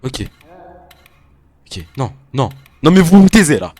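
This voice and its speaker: Here a gamer covers his horror game playthrough, often panicking, getting excitable, and talking directly to viewers. He has a mid-range voice and speaks a little slowly.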